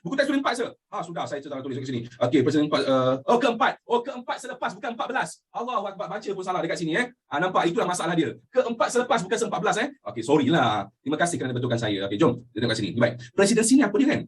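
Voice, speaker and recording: Animated Malaysian male history teacher. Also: fairly high pitch, rapid-fire, hardly any pauses, slightly rough. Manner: animated, asks students questions constantly, mixes in English phrases. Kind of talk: lively classroom lecture.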